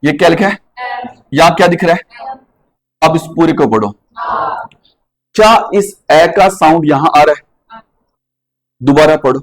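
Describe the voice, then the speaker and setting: A man's voice: on the high side, expressive, a little slow, long pauses, poor audio. A man with a Rajasthani Hindi accent teaching a class. He keeps asking students questions and drills their pronunciation.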